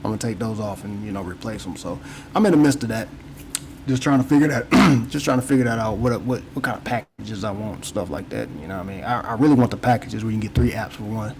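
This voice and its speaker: A man's voice: on the low side, fast talker, darkish tone, slight background noise, rough recording. A man hosting a casual podcast chat, rambling and repeating himself, yawning and a little tired. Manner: rambling, repeats words, frequent "you know what I'm saying". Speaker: podcast host.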